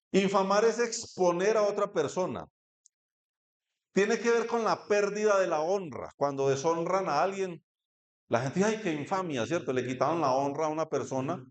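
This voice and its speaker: A man with a Colombian Spanish accent preaching a sermon, reading scripture and asking the congregation questions. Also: sits high. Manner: asks the congregation questions, reads scripture aloud. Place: church hall. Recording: echoey church room.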